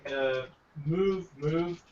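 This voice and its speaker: A man playing a tabletop game who speaks from another room, distant and muffled as if through a wall, talking slowly and haltingly with many fillers. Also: a little high, darkish tone. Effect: heard from another room, distant and muffled as if through a wall. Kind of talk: casual tabletop game talk. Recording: faint, far-off, echoey, dull with keyboard typing nearby.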